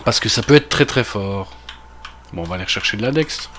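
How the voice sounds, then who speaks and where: A Belgian gaming video creator with a Belgian French accent, recovering from a cold, gives casual commentary on a video game while thinking aloud, full of fillers and trailing asides. His lowish voice is animated, brisk and fairly bright, with a little hiss or hum.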